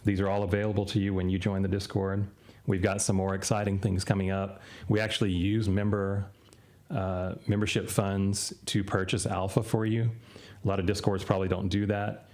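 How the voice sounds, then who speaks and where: A man hosting a trading channel, giving a casual screen-share walkthrough in an unhurried, loose way, losing his voice and clearing his throat often. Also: low-pitched, level tone, darkish tone. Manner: unhurried, loose, full of "uh" and "you know". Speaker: crypto trading channel host.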